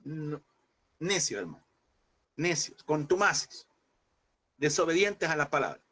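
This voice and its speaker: A man's voice: fairly high pitch, sing-song, a little slow, bright, forceful tone. A man teaching a Bible class in a preaching style, emphatic and repeating phrases, often calling listeners brother.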